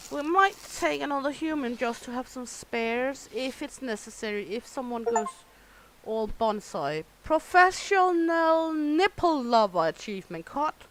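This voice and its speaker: A woman gives unhurried, drawn-out commentary while she plays a cooking game. Her voice sits a little high, and she talks to herself as she works. She curses at her customers in a teasing way. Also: fairly bright tone, a little hiss or hum, poor audio. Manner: grumbling and swearing at customers. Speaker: gamer playing a cooking simulation. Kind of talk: casual gameplay commentary.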